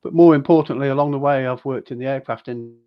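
A man's voice: medium pitch, steady tone. Man on a choppy, cutting-out call. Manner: halting, restarting phrases. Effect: choppy audio that keeps cutting in and out. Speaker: guest recounting a UFO encounter. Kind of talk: remote interview talk. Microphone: video call. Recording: dull, dry online call audio dropping out.

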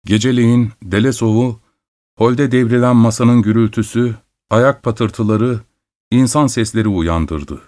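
A man narrating a classic novel as an audiobook in a steady, literary reading voice. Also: mid-range voice, unhurried. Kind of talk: scripted narration.

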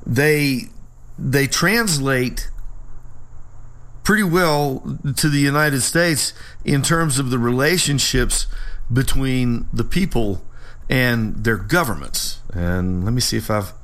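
A man hosts a political talk show alone, in a voice of average pitch. He comments without a script, informally, often halting as he gathers his next phrase. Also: fairly bright tone. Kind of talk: unscripted solo commentary.

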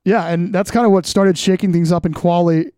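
A man talks casually about sport as a podcast co-host. His voice sits high for a man, with a mellow tone. The sound is close and dry. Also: a little fast, no echo.

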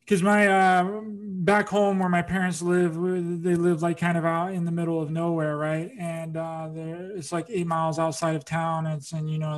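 Male podcast host, fairly high and monotone, casual and rambling. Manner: rambling storytelling, many fillers and restarts. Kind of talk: casual interview chat.

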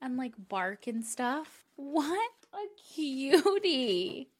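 Brief: excitable woman podcast co-host, animated pitch, casual unboxing chat. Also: extremely slow. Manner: excitable, gushing, exclamatory.

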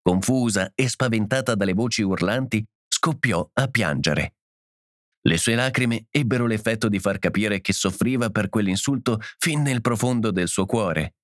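A man reading a story aloud in a measured, expressive way. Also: fairly low pitch, no echo, studio quality. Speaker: audiobook narrator. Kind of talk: scripted narration.

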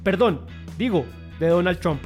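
A man's voice: sits high, expressive, unhurried, soft background music. A man with a Bogotá Colombian accent hosts a podcast, reading scripted narration with playful, colloquial asides. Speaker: podcast host.

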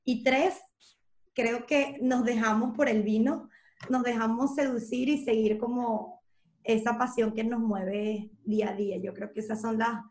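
A woman telling a personal story in a relaxed talk, animated and quoting herself often. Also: fairly high pitch, a little slow, echoey room. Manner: animated, quotes herself a lot. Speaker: guest. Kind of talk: casual storytelling.

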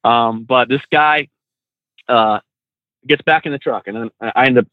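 A man's voice: medium pitch, moderate pace, no echo. A man talking shop about training new truck drivers. He tells his stories loosely, with plenty of fillers and slang. His voice comes through a narrow, phone-like line that sounds dry. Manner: laid-back, slangy, many fillers and restarts. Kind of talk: casual storytelling.

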